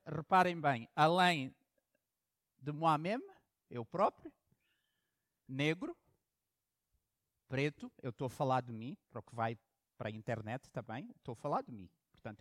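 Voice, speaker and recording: An Angolan pastor with a slightly high voice preaches a sermon in the European manner, telling stories and swinging between loud emphasis and hushed asides. The recording is dry and studio quality.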